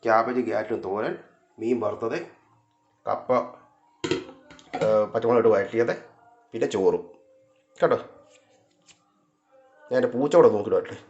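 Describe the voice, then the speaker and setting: A man's voice: mid-range voice, moderate pace, long pauses, darkish tone, muffled recording, slight background noise. A man talking casually through his home cooking for a vlog, chatting to viewers and his cats. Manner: chatty self-narration, coaxing baby talk to his cats. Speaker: cooking vlogger.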